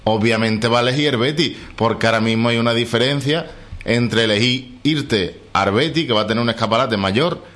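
A man's voice: medium pitch, fairly quick, a bit bright. A man giving provocative football opinions on a radio chat show. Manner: argumentative, provocative. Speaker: radio pundit.

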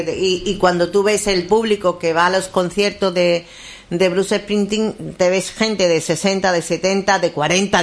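A woman, hosting a live radio chat show and talking in a playful, chatty way. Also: fairly low pitch. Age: 60s. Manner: chatty, playful, restarts and repeats words. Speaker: radio host. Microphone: studio microphone.

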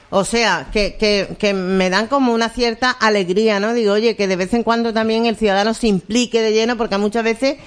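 Man, radio host, high voice, chatty, halting with fillers. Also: fairly even intonation, fairly bright tone, clear, resonant tone. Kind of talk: radio talk show interview.

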